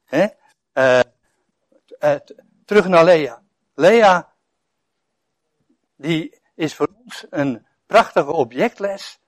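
A man's voice: a little high, animated, takes it slowly, pauses often, dry recording. An older man preaching a sermon in a chatty way, with many asides, chuckles and emphatic scripture reading. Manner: conversational, with frequent "eh" and "hè" asides and soft chuckles; reads scripture passages with rising, emphatic voice. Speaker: pastor.

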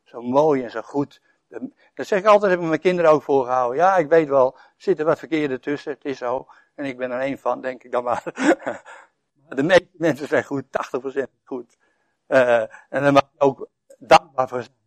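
A man's voice: medium pitch, moderate pace, dry recording. An older man preaching a sermon in a chatty way, with many asides, chuckles and emphatic scripture reading. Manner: conversational, with frequent "eh" and "hè" asides and soft chuckles; reads scripture passages with rising, emphatic voice. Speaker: pastor.

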